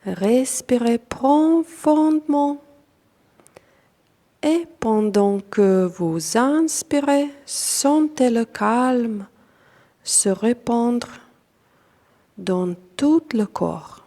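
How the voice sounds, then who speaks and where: With a fairly high pitch, a woman guides listeners through yoga nidra in French, her accent non-native. As instructor she keeps things calm and deliberate, offering short phrases and leaving long pauses.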